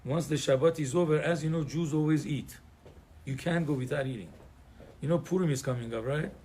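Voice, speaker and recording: A man's voice: on the high side, a little fast, dark tone, husky. A man from Iran, a rabbi teaching an informal Torah class in a conversational, digressive way with joking asides and plenty of fillers.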